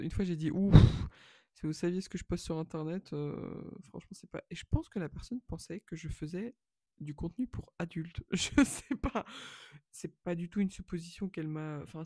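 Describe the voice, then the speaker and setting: This vlogger, a woman in her twenties, talks to camera in a casual, rambling monologue, poking fun at herself and slipping in English phrases. Her voice is fairly low and mellow, recorded dry.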